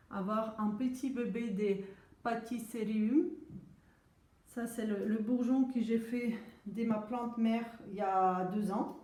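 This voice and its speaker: A woman who is not a native French speaker gives a casual tour of her houseplants on her home veranda, pausing often with fillers. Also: a little high, dark tone. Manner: hesitant, many filler pauses. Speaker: plant vlogger. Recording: roomy echo.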